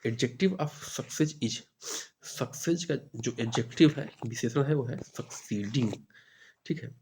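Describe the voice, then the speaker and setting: A man with a middling pitch runs through exam questions for a teacher-training course. He reads the sentences deliberately, then explains them in Hindi in a steady teaching manner, over a faint hiss of background noise. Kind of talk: exam-prep grammar lesson.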